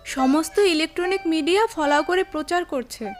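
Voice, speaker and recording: An actress playing an anxious, devoted young bride-to-be with melodramatic old radio show delivery. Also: female voice, extremely high pitch, moderate pace, music in the background. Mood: urgent. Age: young adult. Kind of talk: radio drama acting.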